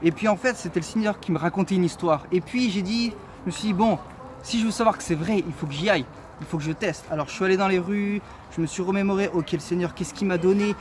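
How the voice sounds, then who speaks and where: Earnest young man, street noise behind. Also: sits high. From France. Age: 20s. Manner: earnest, halting with many fillers. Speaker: testimony speaker. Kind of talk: casual personal testimony.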